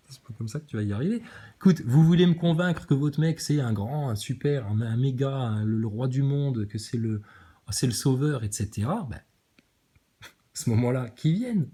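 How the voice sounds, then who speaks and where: A man mocks his viewers' comments during a live stream, cursing freely and laughing between jabs. His voice sits dark and mellow, with a husky edge to it. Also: medium pitch, animated, moderate pace, pauses often. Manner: sarcastic, swears a lot, mocking. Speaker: livestreamer reading viewer comments. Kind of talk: casual ranting live commentary.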